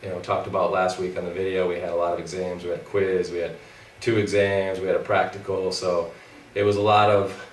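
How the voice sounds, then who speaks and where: Brief: congested, nasal young man, deep and flat, recorded from across an echoey room with faint noise. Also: fairly quick, few pauses. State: congested, scratchy throat from a cold. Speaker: co-host, physical therapy student. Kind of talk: casual study recap. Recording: roomy, far from the mic, faint noise.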